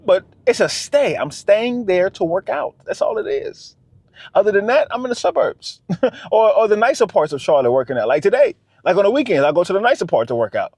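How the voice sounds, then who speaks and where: A man's voice: high voice, big pitch swings, a little fast, a little mellow, husky, dry recording. A man talking straight to camera in a casual vlog, emphatic and slangy, repeating his phrases for weight. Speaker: vlogger.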